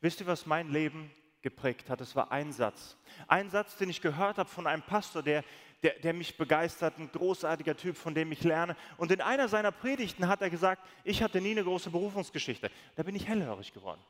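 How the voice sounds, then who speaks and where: Man, pastor, sermon, high-pitched, animated storyteller, long hall reverb. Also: brisk. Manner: storytelling, animated, acts out quoted voices.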